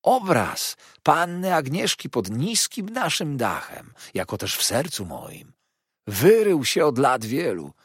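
A man's voice: medium pitch, slightly rough, no room sound, clean studio sound, pitched above the performer's own voice, heavily acted. A man voicing a sly, falsely humble young male clerk who talks in a sugary, wheedling, obsequious way.

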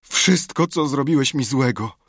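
A dramatic, whimpering young boy who plays up being sick, his voice raised well above a grown man's and a little husky. A man puts him on while reading the story aloud. The sound is close and dry. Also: mid-range voice, lively intonation, a little slow, dry recording, pitched above the performer's own voice. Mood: mournful.

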